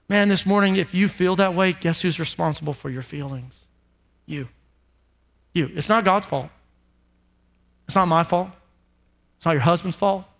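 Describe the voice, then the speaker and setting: A man preaching a motivational sermon in a booming, emphatic way, repeating short phrases and putting rhetorical questions to listeners. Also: moderate pace, vocal fry, pauses often.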